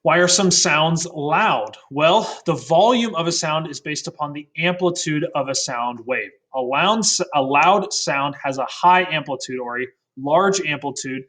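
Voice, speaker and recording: A man's voice: on the high side, measured pace, few pauses, a bit bright. A man teaching a recorded science lesson in a casual way, often adding "right?" and correcting himself mid-sentence. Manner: fillers and self-corrections.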